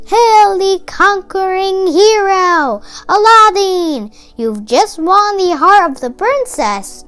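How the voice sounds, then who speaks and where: A woman's voice: very high-pitched, animated, slow, fairly bright tone, soft background music, pitched above the performer's own voice, exaggerated voice. A woman voicing a jubilant, hearty male genie in a storybook, exclaiming in celebration.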